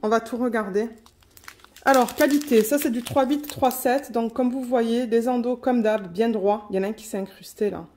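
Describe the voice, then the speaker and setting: A woman vlogging an unboxing in a quick, chatty way, reading out color numbers at home. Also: fairly high pitch, steady tone, a little mellow, a little hiss or hum. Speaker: diamond painting vlogger. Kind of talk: casual unboxing chat.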